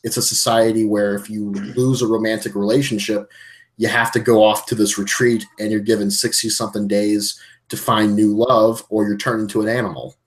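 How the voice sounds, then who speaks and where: A man's voice: lowish voice, little pitch movement, normal speed. A man chatting on a podcast, recounting a plot in a loose, meandering way. He often doubles back and restarts his sentences as he talks. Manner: rambling, circling back mid-sentence. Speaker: podcast co-host. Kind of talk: casual chat recapping a film.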